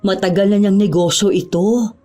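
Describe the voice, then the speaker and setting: A woman's voice: medium pitch, steady tone, normal speed, mellow, natural voice. A woman voicing a sly female clinic assistant who teases and insinuates. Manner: teasing, insinuating. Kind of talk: audio drama acting.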